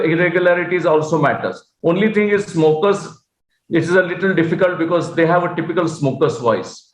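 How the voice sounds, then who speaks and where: Indian doctor lecturing in an echoey room. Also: male voice, fairly high pitch. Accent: Indian English. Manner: explanatory, with frequent fillers and restarts. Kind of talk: online medical lecture. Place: at home or in an office on a video call.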